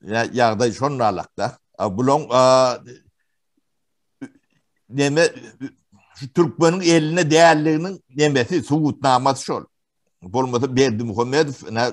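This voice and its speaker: A man from Turkmenistan giving testimony in an interview, talking haltingly with many pauses and fillers. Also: medium pitch. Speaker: witness interviewee.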